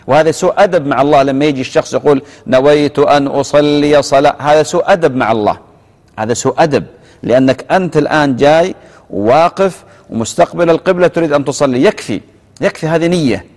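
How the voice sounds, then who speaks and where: Fast-talking scholar, reverberant studio. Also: male voice, fairly high pitch. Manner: reads out callers' questions, then answers with gentle repetition. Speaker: religious scholar answering viewer questions. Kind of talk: live TV fatwa Q&A. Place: television studio.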